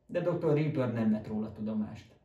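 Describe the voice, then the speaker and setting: A man narrates a children's story calmly and evenly in a dark, mellow voice. The recording sounds roomy, as if made at home with the mic some way off. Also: lowish voice, far from the mic, lo-fi sound. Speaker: audiobook narrator. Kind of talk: scripted narration.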